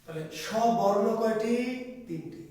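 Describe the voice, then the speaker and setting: A male teacher lectures a class in a high-pitched voice, firing questions and answering them himself. He is recorded from a distance. The classroom rings with heavy echo. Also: measured pace, warm tone, slight background noise. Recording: echoey room from far off.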